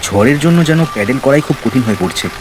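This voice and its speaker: Against heavy rain and storm effects, a man narrates a scripted horror story in a suspenseful, dramatic style. He talks fast in an animated, medium-pitched voice.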